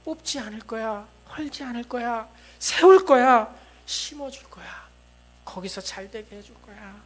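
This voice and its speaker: A man's voice: very high voice, expressive, measured pace, voice pushed up, full character voice. A man voicing God as a tender father who promises, in short repeated vows, to care for and restore his people. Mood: tender, reassuring.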